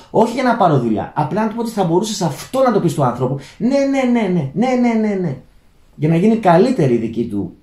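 Greek man, lively rambling host, dark voice, echoey room. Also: on the high side. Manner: rambling, many restarts, addresses "friends". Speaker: channel host. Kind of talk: unscripted monologue to viewers. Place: Germany, indoor room.

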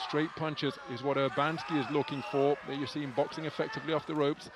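A man's voice: fairly high pitch, little pitch movement, fast, background noise. A man giving live boxing commentary, fluent and articulate play-by-play with vivid wording.

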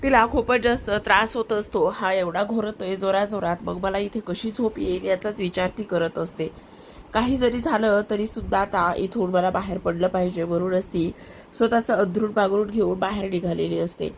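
A woman narrating a recap of a TV serial episode in a steady, continuous storytelling voice. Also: medium pitch, a little hiss or hum.

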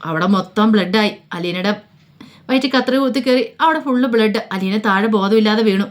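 A woman narrating a dramatic story in a casual, colloquial way. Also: mid-range voice. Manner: rapid, casual retelling.

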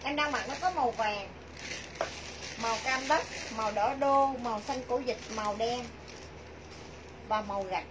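A middle-aged woman with a southern Vietnamese accent giving a chatty, repetitive live sales pitch to viewers from a small clothing shop. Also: measured pace, long pauses. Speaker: clothing shop livestream seller. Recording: noisy shop livestream, clear background noise.

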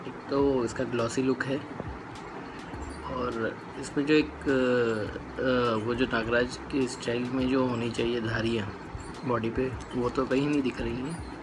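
A man talks through a casual review of a collectible toy, pausing often on "uh" and mixing in English terms. His pitch barely moves, staying level and even throughout. Traffic and vehicle noise sit clearly behind his voice. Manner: unhurried, many "uh" pauses, mixes English words into Hindi.

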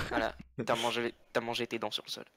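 Young man, mid-pitched, slangy. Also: monotone, fast, pushed and bright. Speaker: role-play player. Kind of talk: casual, slangy game chat.

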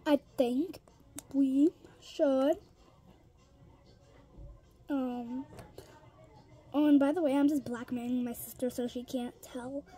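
A toy figure video creator voices kid characters in a pet toy role-play, rambling with lots of ums and restarts and drifting into whispered asides. Her high, warm voice stays steady, moving slowly with frequent pauses.

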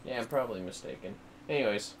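A man with a mid-range voice speaks quickly while hosting a casual gaming livestream from home, with slight background noise. He murmurs to himself and throws playful asides to his chat.

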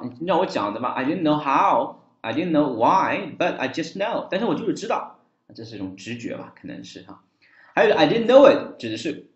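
A male English teacher walks through a dialogue, repeating phrases slowly to show how they sound. His pitch swings up and down in an animated way, and the roomy recording sounds dull and lo-fi. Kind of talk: language lesson explaining dialogue.

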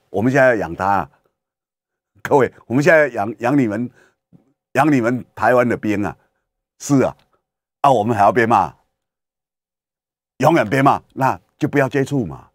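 A man's voice: medium pitch, no room sound, studio quality. A male radio talk show host, giving emphatic political commentary full of rhetorical questions. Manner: animated and emphatic, rhetorical questions, acts out quoted voices. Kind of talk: opinionated political commentary monologue. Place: radio studio.

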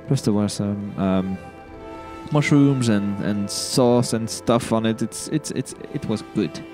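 Chatty low-voiced man gaming. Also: takes it slowly, warm tone, faint music behind. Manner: rambling, chatty, trips over his words; giddy and upbeat this session. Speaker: let's play host. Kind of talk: casual gameplay commentary.

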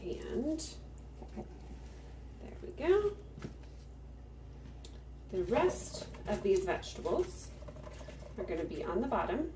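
Cooking in her home kitchen for her farmstead channel, a woman walks viewers through each step in a relaxed way. Her medium-pitched, dark-toned voice is sing-song and slow with long pauses, captured from a distance with roomy sound and slight hiss or hum.

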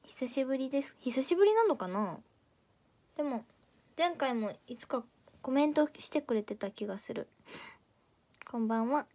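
Reading viewer comments on her livestream, this Kansai-accented teenage idol audition candidate sounds animated, warm and chatty, with a fairly high voice. She talks at a normal speed but pauses often, teasing in a playful way.

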